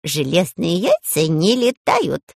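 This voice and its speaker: A woman voicing a proud, blunt young female bird who answers flatly in a storybook reading. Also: medium pitch, fast talker, gravelly, dry recording, clean studio sound. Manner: blunt, categorical.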